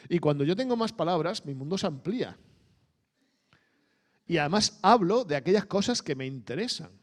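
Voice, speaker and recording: Man, somewhat high voice, animated sermon, keeps asking the audience, church hall. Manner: animated, asks the audience frequent questions. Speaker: preacher. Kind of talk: conversational sermon.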